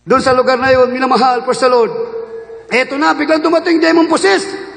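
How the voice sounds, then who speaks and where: A man in his fifties, from the Philippines, preaching a fervent sermon that swings between loud shouts and quiet asides, recorded in a church hall. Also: extremely high pitch, fairly even intonation, brisk, gravelly. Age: 50s. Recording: echoey hall with long reverb.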